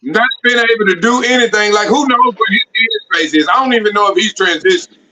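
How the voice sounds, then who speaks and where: A man's voice: high voice, brisk, sharp tone, a little hiss or hum, low-quality recording. A man co-hosting a sports podcast, talking in a frustrated, emphatic way. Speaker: podcast co-host. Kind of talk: heated sports talk.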